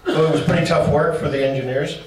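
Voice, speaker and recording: A man's voice: a little high, fairly even intonation, fast talker, a little mellow, slight background noise. A man giving a slide-show history talk to a club, folksy and dropping joking asides. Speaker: local history presenter. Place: meeting room. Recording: roomy hall from far off.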